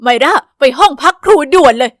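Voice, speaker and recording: A woman voicing an irritable female school principal who scolds loudly and snappishly. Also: high voice, animated, extremely slow, no echo, studio quality, full character voice. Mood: irritated.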